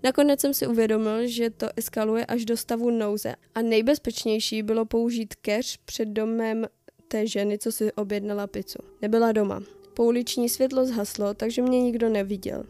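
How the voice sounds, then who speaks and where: Flat-voiced woman reading a spooky story. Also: fairly high pitch. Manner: steady, even first-person storytelling with a dry aside. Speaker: reader of horror stories. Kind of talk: reading a translated internet horror story aloud.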